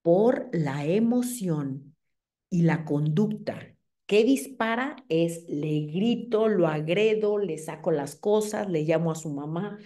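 A middle-aged woman with a Mexican accent, giving an animated talk to a group of mothers and checking in with them as she goes. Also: fairly low pitch, slow pace. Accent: Mexican Spanish. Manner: animated, asks the audience "¿ok?".

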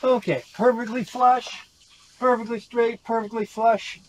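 A middle-aged boat-living vlogger gives casual, upbeat how-to narration while working on a wooden boat outdoors, explaining each step as he goes. His voice is extremely high and level, with an unhurried pace. A nearby wide-angle action camera captures the very noisy recording.

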